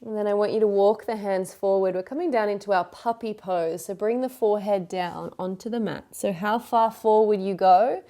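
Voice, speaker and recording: Speaking at a medium pitch, a woman yoga teacher guides her class through breath and movement. Her cueing is gentle, encouraging, and unhurried.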